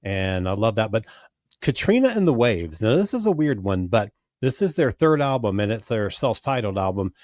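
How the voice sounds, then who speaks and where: A man's voice: on the low side, very animated, normal speed, darkish tone, no room sound, studio quality. A man hosting a music podcast, walking through albums in an organized, informative way. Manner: organized, informative, steers the show. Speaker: podcast host. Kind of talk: casual chat.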